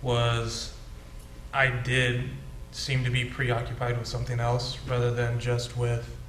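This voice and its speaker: A man, an acting student, haltingly assessing his own performance in class. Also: medium pitch, monotone, a bit bright. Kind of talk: hesitant self-critique in class. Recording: roomy echo, faint background noise.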